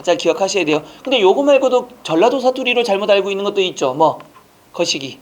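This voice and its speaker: A man teaching an online exam-prep lecture, quizzing listeners with rapid rhetorical questions and casual joking asides. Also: high-pitched, lively intonation.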